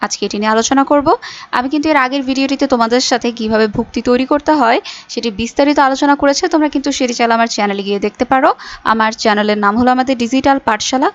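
A woman's voice: sits high, racing. A woman teacher giving a recorded school lesson, explaining step by step with fillers. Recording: dull lo-fi audio.

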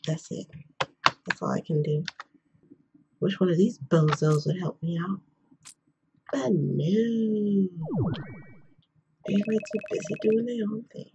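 A young woman hosting a game playthrough in a quiet whisper, chatting casually as she plays. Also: on the low side, a little slow, long pauses, muffled recording. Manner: whispering quietly, keeping voice hushed. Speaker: gaming video host. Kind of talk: whispered let's play commentary, casual chat. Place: indoors at home. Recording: noisy background, keyboard and mouse clicks.

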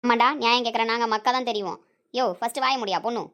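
A woman voicing a homemade family drama, scolding and animated. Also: fairly high pitch, rapid-fire, highs cut off. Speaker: family drama performer voicing several parts.

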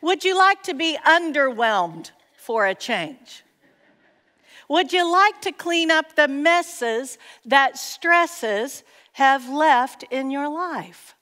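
A woman speaks slowly and with emphasis, her voice sitting fairly high for a woman. She leads a conference workshop with earnest, playful asides. Her voice carries a long reverb from a large hall. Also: animated, pushed and bright. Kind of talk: conference teaching talk. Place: large hall before an audience.

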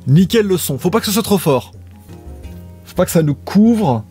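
A man hosts a live stream in an easygoing, rambling way, talking straight to his viewers. His voice sits a little high for a man. Faint music plays quietly behind him. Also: animated, moderate pace, slightly rough. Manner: laid-back, rambling, chatting with viewers. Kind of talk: casual live-stream chat.

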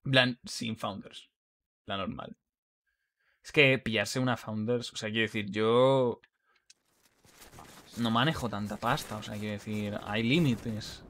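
A man's voice: lowish voice, a little slow, pauses often, a bit bright. Joking Madrid man streaming a game. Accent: Madrid Spanish. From Spain. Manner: rambling, self-mocking, jokey asides. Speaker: gaming streamer. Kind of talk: casual live-stream commentary.

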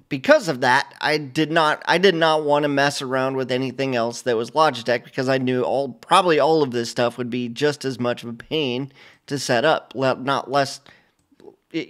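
Middle-aged man, host, casual commentary, rambling fillers, home studio desk mic. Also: medium pitch. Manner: relaxed, rambling, many fillers and restarts. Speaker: flight sim channel host. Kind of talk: casual screen-share commentary.

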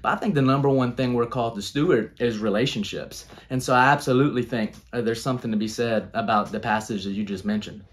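A man's voice: mid-range voice, fairly even intonation, fast talker, few pauses. A man in his thirties, earnest and coaching in tone, talking about leadership on a video call from a small room at home. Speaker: guest speaker on leadership.

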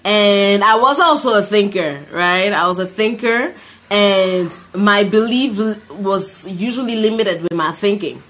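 A woman's voice: medium pitch, measured pace, fairly bright tone, a little hiss or hum. A woman in her thirties from Cameroon giving a heartfelt, emphatic personal testimony and prayer to camera. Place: small room indoors. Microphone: phone at arm's length.

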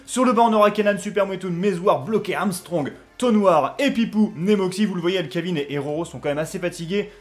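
With a high voice, this young man gives laid-back commentary on his football game for YouTube. Hesitations and fillers pad his chatter, and big moments like goals set off excited shouts.

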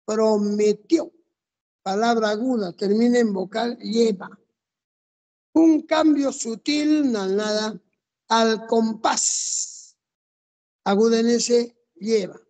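A classroom teacher with a warm, mellow tone who talks at a slow, deliberate pace. The teacher lays out each rule in order and keeps asking the students for answers. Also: mid-range voice. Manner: methodical, drills rules step by step and quizzes students. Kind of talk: classroom lesson.

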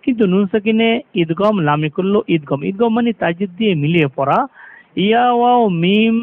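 A high-pitched man teaches Quran recitation, explaining each sound in turn and then chanting the verse slowly and drawn out. The recording is thin and tinny, like it is coming through a phone line. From Bangladesh. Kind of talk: step-by-step recitation lesson.

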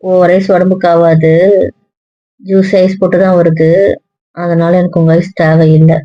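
A woman teasing her family in casual banter, sharp-tongued and mocking. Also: on the low side, little pitch movement, a little slow, no room sound, lo-fi sound. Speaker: wife in a family skit.

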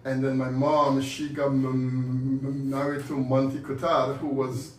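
A man with a Kittitian and Statian Caribbean accent talks as an interview guest, sharing personal stories casually. His voice is mid-pitched and sits a little away from the mic in a roomy space. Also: level tone, unhurried, far from the mic. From born in Saint Kitts, grew up in Sint Eustatius. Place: radio studio. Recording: roomy, off-mic, faint noise.

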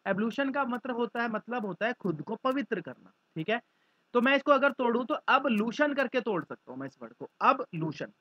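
A man's voice: high voice, dry recording, lo-fi sound. A male teacher explaining vocabulary through mnemonics, acting out little scenes as he goes. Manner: lively, acts out little scenes.

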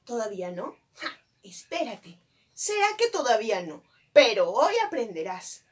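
Lively husky woman teaching small children. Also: a little high, a little slow. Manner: animated, coaxing, talks to the child directly. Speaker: preschool teacher. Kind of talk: virtual class for young children.

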